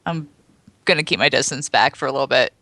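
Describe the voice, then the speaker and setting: A woman's voice: a bass voice, fast, pushed and bright, no room sound, studio quality. A woman playing a tabletop game, talking hesitantly and giggling. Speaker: player. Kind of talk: casual tabletop game chat.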